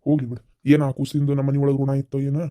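A man voicing a patient father-in-law in a cartoon, with a North Karnataka accent and a calm, soothing way of reasoning. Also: medium pitch, racing, heavy background noise, lightly acted. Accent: North Karnataka Kannada.

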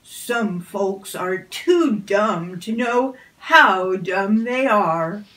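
A smug, know-it-all storybook fox , played by a woman reader, who mutters his scorn at a slow, drawn-out pace. He sounds a little distant from the mic. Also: mid-range voice, expressive, a bit bright, roomy sound. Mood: scornful. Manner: mumbling, scornful.

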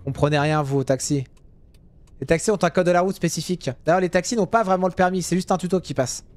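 A young man giving casual, jokey commentary while playing a driving game, now and then yelling at other drivers. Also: high-pitched, fast talker, no room sound. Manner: chatty, jokey, swings to loud yelling at drivers. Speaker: gaming youtuber.

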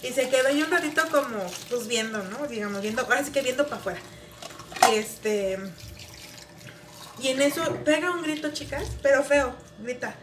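Washing up in her kitchen, this vlogger and mother of a grown son talks to viewers in a loose, rambling way full of fillers. She has a high, animated voice at a normal pace. She's picked up from a distance in a roomy space, with the clatter of dishes, pots and pans all around.

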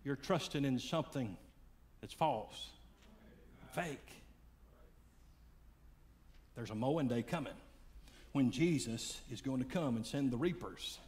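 A man preaching a sermon, swinging between loud fiery calls and hushed, quiet lines. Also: mid-range voice, lively intonation, slow pace, long pauses. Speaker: pastor.

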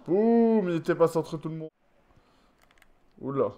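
A tired man talks through a football video game match in a fairly high voice, mostly muttering low and weary. He bursts into loud, repeated shouts when something big happens on the pitch, then drops back to a murmur. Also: moderate pace. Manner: excitable, shouts bursts of goal calls between low muttering. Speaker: gaming YouTuber. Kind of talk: live gameplay commentary.

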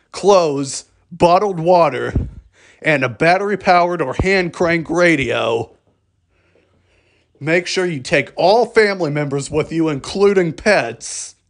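Speaking in a fairly high register, a man delivers a scripted emergency alert in a measured, formal tone.

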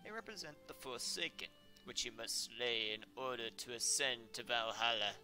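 A man's voice: medium pitch, moderate pace, sharp tone, soft background music. A man reading aloud the lines of a solemn guiding crow spirit in a video game, in close to his own voice.

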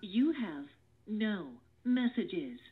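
Automated voicemail prompt, woman, heard over a thin phone line, even and measured menu reading. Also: medium pitch. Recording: tinny phone line with faint hiss.

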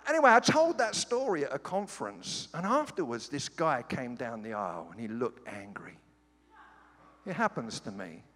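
A man's voice: mid-range voice, very animated, moderate pace, fairly bright tone, breathy edge. A middle-aged British man preaching a sermon as a guest pastor, telling funny stories with playful, joking asides. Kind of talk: humorous sermon storytelling. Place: large church sanctuary. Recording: reverberant church hall, faint ambience.

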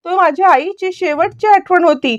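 A woman's voice: very high voice, moderate pace, dry recording, highs cut off, pitched above the performer's own voice. A woman voicing a young mother, upset over a lost keepsake and scolding her daughter. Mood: distressed.

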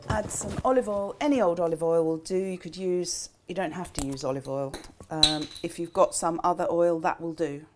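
An older woman with a relaxed, chatty manner, talking through a recipe in a small kitchen. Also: on the low side, moderate pace, background noise. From England. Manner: chatty, relaxed asides with frequent ums. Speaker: cookbook author demonstrating a recipe. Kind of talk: casual cooking demonstration. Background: food sizzling in a pan.

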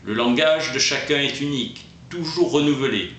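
Man reading terse notes, bright echoey voice. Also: medium pitch, normal speed. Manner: terse note-like phrasing with occasional restarts. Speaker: book summary presenter. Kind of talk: reading summary notes aloud. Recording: echoey room with faint noise.

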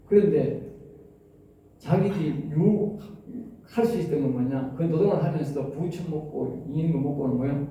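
Man preaching a bible class, slightly high voice, keeps asking the room questions, very echoey, mic far away. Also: warm tone, slight background noise. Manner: keeps quizzing listeners with quick questions. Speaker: preacher teaching at a seminary. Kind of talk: Bible lecture sermon.

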